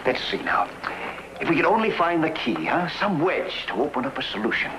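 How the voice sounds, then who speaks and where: An actor playing a smooth-talking, lazy drifter with florid, courteous and pompous speech in a western comedy. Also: male voice, a little high, big pitch swings, brisk, noisy background. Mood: pompous, feigned innocence. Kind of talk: western screen comedy acting.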